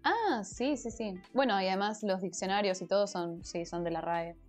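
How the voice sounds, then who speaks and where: On her crafting stream, an Argentine ex-language teacher with a Rioplatense accent reads comments aloud, answers chat and explains at length in a casual way. Her voice is medium-pitched at a moderate pace, slightly congested from allergies, with faint music behind her.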